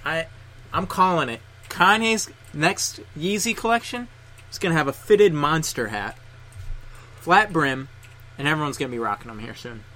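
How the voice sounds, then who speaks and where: A man's voice: a little high, animated, moderate pace, pushed and bright. A man co-hosting a podcast, chatting in a playful, teasing way. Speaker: podcast co-host. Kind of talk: casual chat.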